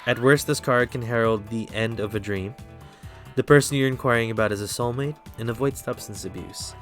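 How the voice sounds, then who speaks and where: Faint music plays behind a Philippines-based man who speaks briskly at medium pitch with an American accent. Doing a tarot reading on a live stream, he rambles in a relaxed way and frequently corrects himself.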